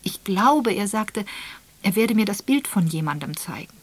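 A woman's voice: medium pitch, expressive, normal speed, no echo, pitched above the performer's own voice, close to an everyday voice. A woman voicing a young secretary who speaks in a raised, hesitant, apologetic way.

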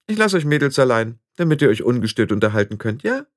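A man's voice: mid-range voice, very animated, voice pushed up, close to an everyday voice. A man playing a sly old witch. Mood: sly, teasing. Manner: sly, slow and teasing. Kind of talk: audiobook character voice.

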